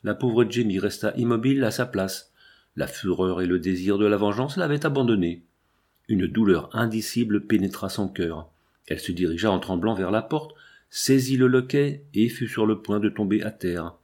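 Low-voiced man reading a literary audiobook. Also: expressive, normal speed, darkish tone. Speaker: audiobook narrator.

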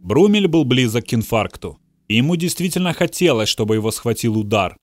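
A man's voice: mid-range voice, very animated, a little fast, soft background music. Man narrating a dramatic audiobook. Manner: dramatic, voices the characters' shouts.

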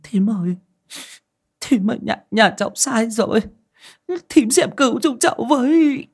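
A man's voice: very high-pitched, lively intonation, measured pace, vocal fry, breathy edge, pitched above the performer's own voice, heavily acted. A man voicing a frightened middle-aged village woman who stammers and pleads. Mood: pleading. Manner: trembling, stammering.

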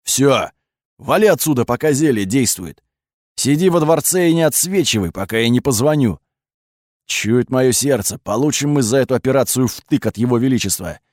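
A man voicing a gruff, irritable male security colonel who barks his orders with exasperation. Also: mid-range voice, animated, moderate pace, darkish tone, dry recording, studio quality, natural voice. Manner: barking, exasperated.

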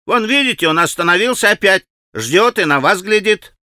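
A man voicing a rowdy gang of schoolboys in an audiobook, shouting and taunting. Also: sits high, expressive, moderate pace, no echo, clean studio sound, pitched above the performer's own voice, exaggerated voice.

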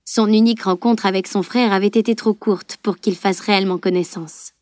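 A woman narrating an audiobook with an even, measured reading. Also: mid-range voice, dry recording, clean studio sound. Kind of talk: scripted narration.

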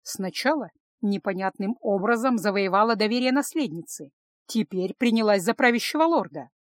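A woman's voice: mid-range voice, lively intonation, moderate pace, no room sound, natural voice. A woman reading an audiobook, voicing a jealous, haughty female snake-woman who speaks with scorn and threats. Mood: accusing. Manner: scornful and threatening, hissing warnings. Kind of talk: audiobook character voice.

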